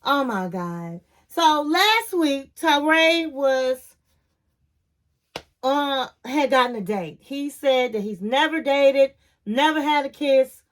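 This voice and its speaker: Speaking slowly in a high voice, this woman tells a reality show recap like a story, performing each quote with animation. She's casual about it, calling her audience queens with lines like "my queens" and "honey."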